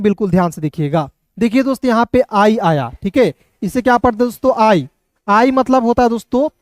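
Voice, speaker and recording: Male phonics teacher, high, clear voice, dry close mic, spells letters slowly, repeats "friends". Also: a little mellow, no room sound. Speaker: English teacher. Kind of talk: classroom lesson.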